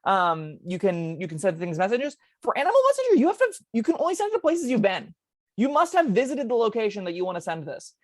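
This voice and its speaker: A woman co-hosting a casual tabletop game podcast, talking in quick chatty bursts with plenty of ums. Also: a little high, wildly swooping pitch, dry recording. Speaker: co-host discussing tabletop spells.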